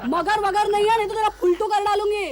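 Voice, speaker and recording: A woman's voice: very high-pitched, steady tone, quick pace. An actress playing a tough, street-smart young woman in a sitcom, talking bossy tapori slang with a Mumbai street accent. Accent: Mumbai street Hindi. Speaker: sitcom character. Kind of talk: sitcom acting. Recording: sitcom audio with laugh track and hiss.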